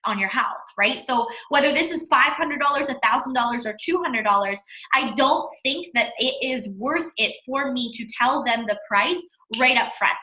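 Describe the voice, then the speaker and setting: At a moderate pace, a woman with a bright, slightly high voice gives a blunt, emphatic coaching talk, repeating words to hammer her points home. She sounds like a fitness coach training her sales team, and the room around her is echoey.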